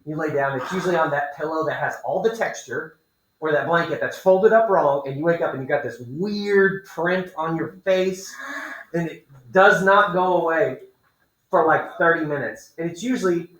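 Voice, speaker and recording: A man's voice: fairly high pitch, normal speed, a bit bright, echoey room, low-quality recording. A male teacher reading a story aloud to his class and breaking off for playful, chatty asides to the students.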